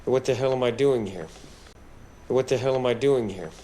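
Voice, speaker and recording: An actor playing a tense male secret agent in a film, delivering slow, clipped lines. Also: mid-range voice, mellow, slight background noise, rough recording. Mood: exasperated. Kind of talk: film dialogue. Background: film score.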